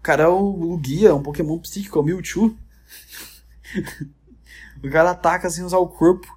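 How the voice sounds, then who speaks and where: Brazilian man, fairly high voice, rambling comedic commentary, swears a lot. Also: steady tone, moderate pace, darkish tone, slightly rough. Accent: Brazilian Portuguese. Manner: rambling, profane, jokey storytelling. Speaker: vlogger. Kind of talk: comedic reality-show commentary.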